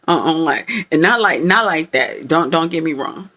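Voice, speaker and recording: A woman's voice: low-pitched, normal speed. A woman vlogger giving a casual, rambling faith talk straight to her viewers, dramatic by her own account. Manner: rambling and animated, self-described dramatic; talks to viewers directly, with frequent fillers.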